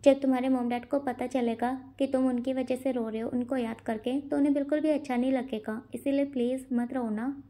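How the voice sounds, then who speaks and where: Woman doing a gentle caring man. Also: high-pitched, steady tone, a little fast, natural voice. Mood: soothing. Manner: soothing, gentle. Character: gentle older male omega doctor, caring.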